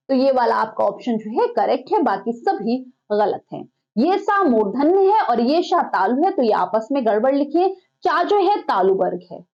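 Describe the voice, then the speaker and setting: A woman's voice: high-pitched, a little mellow, highs cut off. A woman teaching an exam-prep lesson, putting questions to the class and then answering them herself. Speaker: Hindi teacher.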